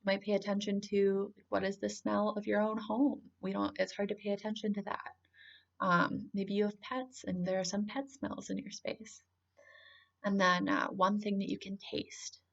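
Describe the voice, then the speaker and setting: Calm woman guiding grounding, creaky voice. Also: mid-range voice, normal speed, highs cut off. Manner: calm, conversational, explanatory. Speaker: presenter guiding a grounding exercise. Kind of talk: informal spoken lesson, calm grounding exercise.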